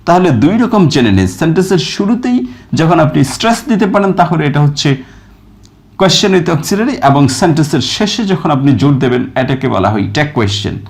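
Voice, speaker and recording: A man teaching a recorded grammar lesson, reading example sentences slowly and with stress, then explaining each one. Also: on the high side. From Bangladesh. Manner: reads English examples slowly and with stress, then glosses them. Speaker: English teacher.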